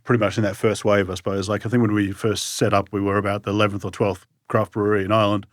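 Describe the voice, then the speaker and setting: A man's voice: lowish voice, little pitch movement, fast talker, dry recording, studio quality. A man with an Australian accent chats casually as an interview guest, circling his point with many loose asides. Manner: hedging and circling, many "you know" and "sort of" asides. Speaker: brewery co-founder, guest.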